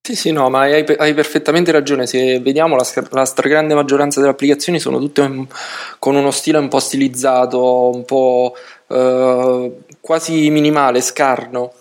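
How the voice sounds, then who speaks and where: A man speaking on a relaxed tech podcast in a mid-range voice. He pauses often, restarts his sentences and leans on fillers as he works out his thoughts. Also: mid-range voice. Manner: hesitant, many restarts and fillers. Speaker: podcast guest. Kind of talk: casual tech podcast chat.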